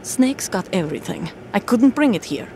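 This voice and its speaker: In this rough recording with slight background noise, a woman with a medium-pitched, dark, sing-song voice plays an undercover soldier in a game cutscene. Over the music, she gives curt, urgent commands at a moderate pace.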